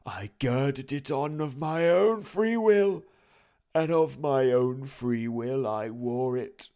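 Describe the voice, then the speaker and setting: A man voicing a tormented male ghost in chains, howling his words in a drawn-out, mournful way. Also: mid-range voice, warm tone, clean tone, voice pushed up. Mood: wailing.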